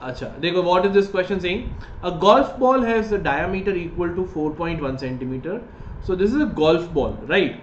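A man's voice: high voice, lively intonation, brisk. A man in his thirties with a North Indian accent teaching maths in an explanatory way, often checking understanding with short questions. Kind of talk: explanatory online lesson mixing English and Hindi. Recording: roomy echo, dull sound, faint noise.

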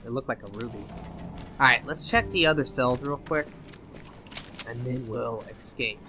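A young man doing let's play commentary, excitable and swearing at the game, his voice going hoarse. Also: medium pitch, normal speed, slight background noise. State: losing his voice. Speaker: gaming channel host.

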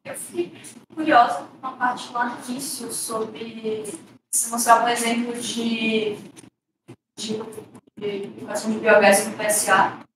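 A woman's voice: a little high, steady tone, measured pace. A woman in the audience asking a hesitant question at a seminar. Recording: echoey room, from far off, noisy.

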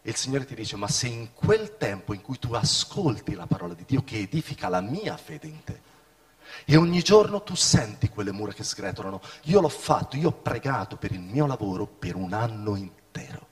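A middle-aged man preaching a sermon in a church hall, swinging from shouts to hushed tones. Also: medium pitch, big pitch swings, normal speed. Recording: long reverb of a hall.

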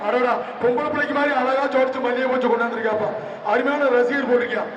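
A man calling a bull-taming event through a public-address loudspeaker, excited and shouting repeated short cries. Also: very high voice, rapid-fire, dull audio, a little hiss or hum. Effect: heard through a public-address loudspeaker. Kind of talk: live commentary over loudspeaker. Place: open-air arena with a large crowd. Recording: echoing loudspeaker from far off over crowd.

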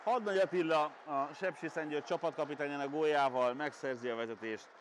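An excited man commentates live on football in a fairly high voice. His delivery rises into exclamations as chances build. Stadium noise runs behind him. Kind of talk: live Hungarian sports commentary. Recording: steady outdoor stadium noise. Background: outdoor stadium ambience.

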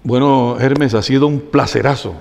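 A man's voice: medium pitch, fairly even intonation, moderate pace, creaky, a little mellow. A man hosting a talk show, courteous and formal as he thanks his guest and addresses viewers. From Colombia. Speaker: host. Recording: reverberant, dull lo-fi sound.

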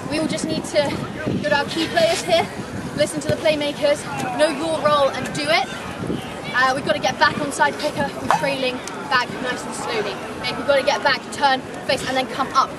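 A woman giving critical, instructive halftime pep talk to her team on an outdoor pitch. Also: steady tone, fairly quick, distant mic, a loud crowd. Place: outdoor sports pitch in a city. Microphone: distant handheld camera. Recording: off-mic outdoors, loud field noise and voices.

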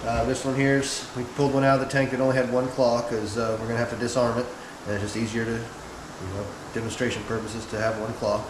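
A relaxed fishing-channel host in his thirties, with a mid-range voice, gives an unhurried, step-by-step fishing demonstration full of "uh" fillers. Picked up by a wide camera several feet away, his voice echoes off the hard walls of a small room over a clearly audible steady hum.

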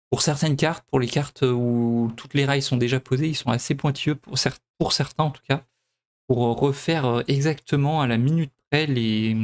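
Casting note: young man from France, let's play host, mid-pitched, halting delivery full of fillers. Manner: hesitant, many fillers and restarts. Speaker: gameplay video host. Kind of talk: casual let's play commentary.

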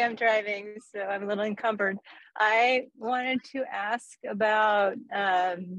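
A woman's voice: mid-range voice, dry recording, low-quality recording. A woman asking a question over a car speakerphone while she drives, chatty and a little self-deprecating. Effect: talking over car speakerphone while driving. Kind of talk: casual question on a video call.

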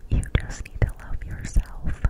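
A young adult woman gives an encouraging ASMR pep talk in a breathy whisper, repeating affirmations deliberately, very close to the microphone. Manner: slow, deliberate, repetitive, encouraging. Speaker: ASMR host. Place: small room indoors. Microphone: desktop microphone, very close with hands cupped around it.

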